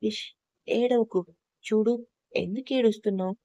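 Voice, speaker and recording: A woman reading as a gentle, consoling older lady. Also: mid-range voice, fairly even intonation, a little slow, dry recording, close to an everyday voice. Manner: soft, soothing questioning. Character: kind middle-aged woman, gentle and consoling. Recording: slightly dull lo-fi recording.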